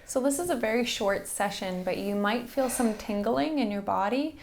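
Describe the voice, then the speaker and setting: A woman instructor softly guiding a breathing exercise in a soothing, encouraging manner, with background noise in the recording. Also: a little high, moderate pace. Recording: faint-to-clear background noise and ambience.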